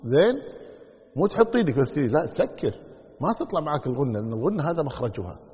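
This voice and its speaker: A man's voice: a little high, very animated, fast, a little mellow. A man teaching the rules of Quran recitation, repeating key words and sounding out examples. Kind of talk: tajweed lesson explaining rules. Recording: lo-fi recording with long hall echo.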